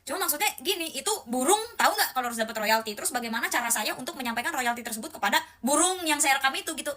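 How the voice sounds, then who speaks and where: A woman's voice: high-pitched, animated, racing, a bit bright. A woman giving a casual, exasperated commentary rant, rambling and searching for words.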